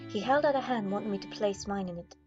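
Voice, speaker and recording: A young woman gaming YouTuber with a mid-range voice reads visual novel narration aloud quickly, in a dramatic storytelling style. The audio is dull, with game music playing behind her.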